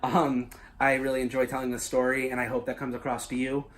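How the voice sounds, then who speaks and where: A man casually pitching his own story as a YouTuber, loose and swearing, full of filler words. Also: level tone, a little fast, slight background noise.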